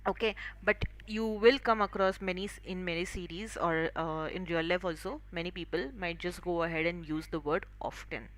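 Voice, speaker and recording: A woman with a Marathi-tinged Indian accent teaching English in an online class, explaining phrases and pronunciation briskly. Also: fairly low pitch, fairly even intonation, poor audio.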